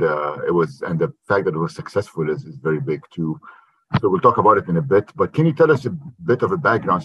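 Halting low-voiced male podcast host. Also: husky, dry recording, highs cut off. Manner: halting, many filler sounds. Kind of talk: podcast interview.

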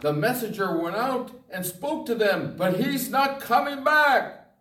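A man voicing a watchman with a very high voice, reporting riders from the wall. He sounds set back from the mic in an echoey room, in an audio drama. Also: animated, a little slow, bright, forceful tone, slight background noise, full character voice. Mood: watchful. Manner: reporting what he sees. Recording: roomy, distant from the mic.

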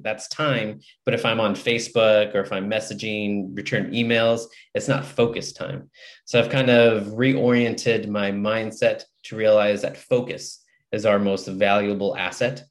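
Male interview guest, slightly low pitch, conversational, earnest and motivational. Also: fairly even intonation, moderate pace. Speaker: podcast guest, author and publisher. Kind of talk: casual interview chat.

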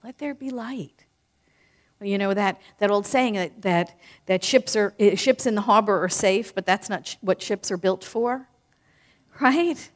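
Expressive woman leading a guided reflection. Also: mid-range voice, normal speed. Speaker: spiritual speaker leading a group. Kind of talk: guided reflection in a live talk.

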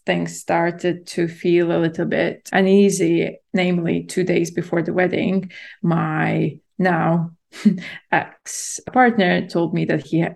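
A woman's voice: lowish voice, creaky, darkish tone. A woman in her thirties from Latvia, a podcast guest telling her life story in a reflective, conversational way with frequent fillers. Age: 30s. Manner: reflective, many fillers and restarts.

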